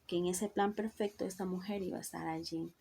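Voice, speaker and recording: A woman's voice: on the low side, steady tone, a little fast, creaky, mellow, a little hiss or hum. A woman giving an earnest devotional Bible teaching, often asking "¿verdad?" and addressing her listener as sister. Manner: repeatedly says "hermana" and "¿verdad?"; earnest, with slips and restarts. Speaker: preacher.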